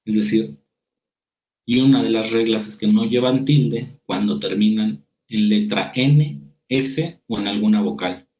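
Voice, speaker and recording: A man with a Mexican Spanish accent teaches a writing workshop as a spoken lecture over slides, his voice low, a little mellow and measured. He reads definitions aloud and explains them with examples, restarting sentences now and then. The highs are cut off.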